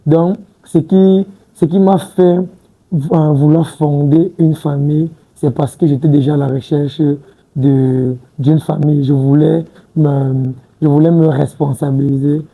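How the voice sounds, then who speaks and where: A man's voice: on the high side, steady tone, measured pace, creaky, warm tone, rough recording. A man in his twenties, a guest in a studio interview, talking casually and hesitantly, restarting words and often adding "tu vois un peu". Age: 20s. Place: TV studio set.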